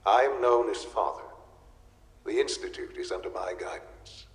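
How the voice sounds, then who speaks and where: Game villain: actor as a composed, formal older man, low-pitched, reverb-heavy space. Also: natural voice. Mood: calm. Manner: calm, measured, formal. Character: calm elderly male leader of a secret lab. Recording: echoey reverberant room.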